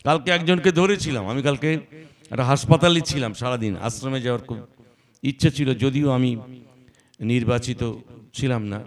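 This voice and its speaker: A middle-aged man with a Bengali accent preaching a sermon at a religious gathering, exhorting with rhetorical questions and stories. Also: medium pitch. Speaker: speaker at a religious assembly.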